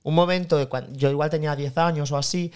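A man, telling stories in an animated, jokey way in a casual chat. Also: a little high, fast talker, smooth.

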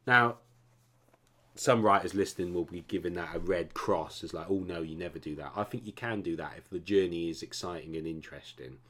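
Low-voiced guy rambling on about films, keeps asking if you get him. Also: a little fast. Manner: rambling, animated, asks "you know what I mean?". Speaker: podcast co-host. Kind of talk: casual chat about films.

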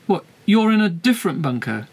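Guy acting as polite bemused podcast host, highish male voice, bit hesitant, comedy interview. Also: sing-song, brisk, heavily acted.

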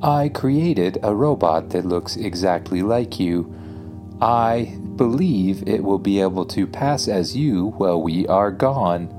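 A man's voice: sits low, slow, music in the background. A man voicing an eager, matter-of-fact magic spaceship in a children's story, speaking in stiff statements.

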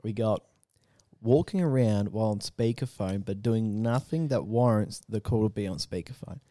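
A man co-hosting a podcast at a house, loud, swearing and laughing as he banters. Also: fairly low pitch, normal speed, no room sound, studio quality. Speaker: podcast co-host. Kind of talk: crude casual banter.

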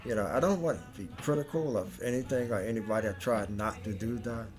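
A man's voice: fairly low pitch, quick pace, over music. A man hosting a podcast with a casual spiritual monologue, reflective and speaking directly to listeners. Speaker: podcast host.

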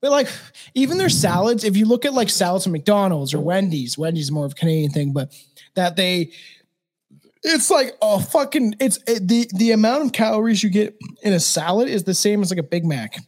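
A man in his thirties talks loosely on a podcast. His voice sits fairly high. He rambles, restarts sentences and swears often. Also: expressive, brisk, darkish tone. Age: 30s. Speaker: podcast co-host. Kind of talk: casual podcast chat.

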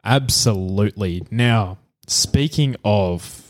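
A man's voice: on the low side, takes it slowly. An Australian man hosting a casual podcast, chatting in a blokey, slangy way. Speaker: podcast host. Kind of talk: casual banter about horse racing betting.

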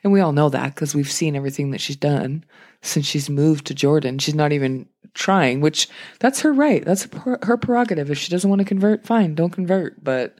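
Young woman co-host, slightly low voice, casual chatty recap style with lots of "like". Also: normal speed. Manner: chatty, animated retelling with quoted voices. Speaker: podcast co-host recapping reality TV. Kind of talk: casual chat.

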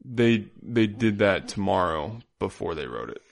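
A man co-hosting a podcast in casual chat, playful with deadpan absurd jokes. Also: low voice, a little slow, gravelly. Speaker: podcast co-host.

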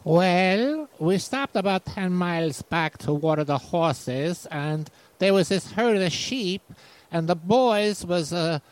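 A man's voice: high voice, expressive, takes it slowly, no echo, poor audio. A man playing an eager, simple Western deputy with a limp. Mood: folksy. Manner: eager, folksy.

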